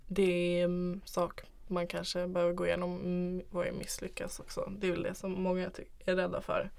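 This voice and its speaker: Young woman with a creaky, lowish voice. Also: completely flat delivery, a little mellow. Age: young adult. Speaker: interview guest. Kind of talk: candid personal conversation.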